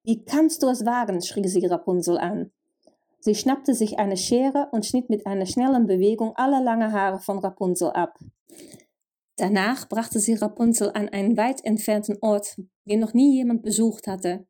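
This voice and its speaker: A woman narrating a fairy tale, gently addressing the listener directly. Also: medium pitch, moderate pace. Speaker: storyteller.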